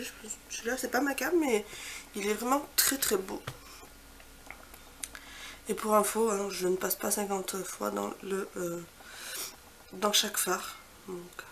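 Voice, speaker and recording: A woman vlogger chatting casually through a makeup swatch walkthrough. She gushes with repeated superlatives and trails off into soft, quiet asides. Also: mid-range voice, slight background noise. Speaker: beauty vlogger.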